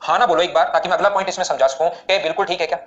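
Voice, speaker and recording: A man teaching maths in a live online class, explaining steps rapidly and repeatedly asking students questions. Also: high voice, dull audio.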